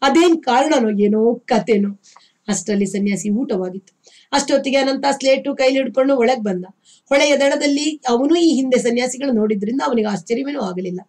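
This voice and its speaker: Steady woman reading a novel aloud. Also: high voice, a little fast. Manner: steady, expressive storytelling. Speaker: audiobook narrator. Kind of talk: scripted literary narration.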